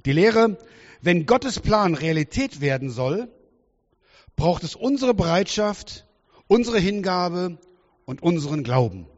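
A man in his fifties preaching a sermon in a lively, humorous and theatrical way, often asking the congregation questions. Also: sits high, slow. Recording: dull sound with long hall reverb.

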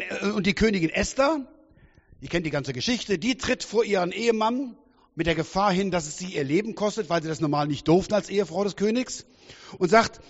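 A man in his fifties preaches a lively, joking sermon in a slightly raised voice, drawing the congregation in with questions. It sounds like a large church hall with long reverb, caught on a dull, muffled recording. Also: high voice. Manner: lively, humorous, theatrical, talks to the congregation.

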